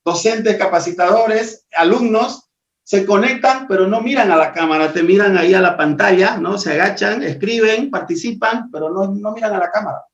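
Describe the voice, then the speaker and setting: A man's voice: high-pitched, normal speed. A man teaching a live webinar on presentation skills, in a didactic manner full of rhetorical questions. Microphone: video call. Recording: echoey, distant, dull audio.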